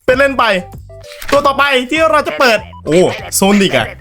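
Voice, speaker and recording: A playful young man giving casual game commentary, laughing often and slipping into squeaky voices. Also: sing-song, moderate pace, sharp tone, soft background music. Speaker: gaming YouTuber.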